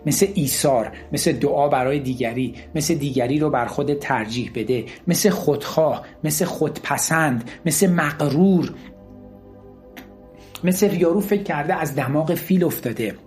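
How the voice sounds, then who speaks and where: A man's voice: on the high side, a little mellow, soft background music. A man giving an earnest motivational talk, driving his points home with repeated, emphatic lists. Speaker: motivational speaker.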